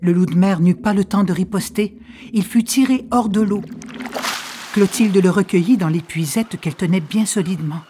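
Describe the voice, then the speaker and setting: A woman narrating a children's storybook slowly and expressively. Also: medium pitch, mellow, a little hiss or hum.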